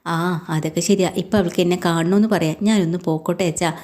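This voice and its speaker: A woman voicing a gentle young woman who works as a household maid, speaking earnestly and pleadingly in a mellow voice. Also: fairly low pitch, fairly even intonation, fast talker, natural voice.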